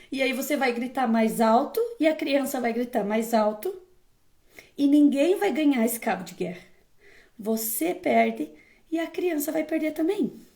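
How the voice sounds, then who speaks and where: High-voiced woman giving firm parenting advice. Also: a little mellow. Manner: firm and emphatic, often checks in with the listener. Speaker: parenting educator. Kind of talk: casual advice talk to viewers.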